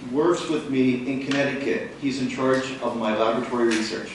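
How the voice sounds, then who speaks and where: Male physician lecturer, extremely slow and measured, formal, far from the mic in a strongly echoing room. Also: medium pitch, fairly even intonation. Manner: measured, deliberate, pausing between phrases. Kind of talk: formal lecture in short phrases for interpretation. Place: large echoing room at a talk. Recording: very echoey room, distant mic, faint noise.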